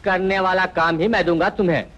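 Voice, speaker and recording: A sly small-time hustler who teases and cracks jokes at everyone's expense. His voice sits high for a man. The track is muffled and lo-fi, as in an old dubbed film. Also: steady tone, a little fast, fairly bright tone. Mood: teasing. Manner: teasing, mocking. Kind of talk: Hindi film dubbing. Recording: dull lo-fi dubbed film audio.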